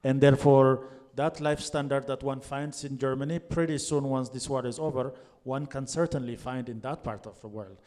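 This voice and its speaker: A man in his thirties, from Ethiopia, moderating a panel in a glass greenhouse venue through a handheld microphone. His voice is mellow and dark, and he builds long, measured, structured questions. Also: mid-range voice, fairly even intonation. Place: glass greenhouse event space, seated on stage.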